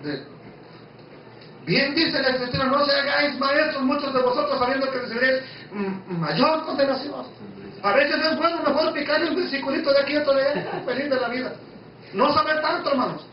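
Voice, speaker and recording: A man with a very high voice preaches a Bible study in an emphatic, conversational way and keeps asking his listeners questions. His voice booms around a very echoey room, picked up from some distance off. The sound is a bit dull, with a faint hiss underneath. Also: a little fast.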